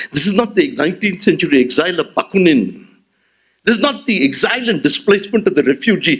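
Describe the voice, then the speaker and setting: His voice sits fairly high and sounds slightly rough as he, a man in his sixties with an Indian English accent, lectures in memoriam from an auditorium podium. Expressive and rhetorical, he gestures while talking into a gooseneck mic.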